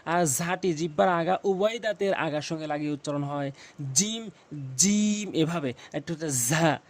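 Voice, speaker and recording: A man teaching Quran recitation, explaining how to pronounce each Arabic letter and repeating the sounds slowly and emphatically. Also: a little high, steady tone. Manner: slow, emphatic, drills sounds by repeating them. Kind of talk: tutorial on Arabic letter pronunciation.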